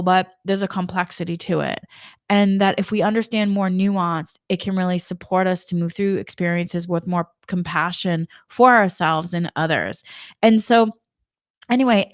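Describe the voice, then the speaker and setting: A woman with a smooth, resonant voice talks in a casual, heartfelt monologue as a spiritual coach. She chats to her listeners as y'all, open and emotional. The sound is close and dry, with no room echo. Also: mid-range voice.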